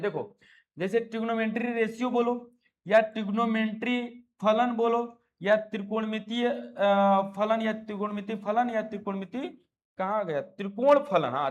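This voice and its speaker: A man's voice: high-pitched, moderate pace, muffled recording. A male maths teacher explaining a lesson, coaxing his students with affectionate call-and-response questions and repeated check-ins. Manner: affectionate, repeats "है ना" and "ठीक है बाबू". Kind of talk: classroom explanation.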